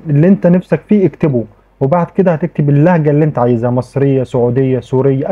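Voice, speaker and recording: A man with an Egyptian accent explaining a tech tutorial in a chatty way, often restarting his sentences. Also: on the high side. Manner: chatty, repeats "okay" often, frequent restarts. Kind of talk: casual screen-recorded tutorial. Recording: tinny phone-like audio.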